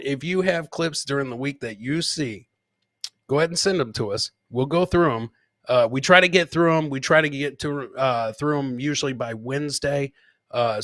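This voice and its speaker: Recorded in studio quality without echo, a man with a medium-pitched, fairly bright voice hosts a podcast. He chats loosely in a live comedy format, answering viewer comments amid swearing and frequent filler words.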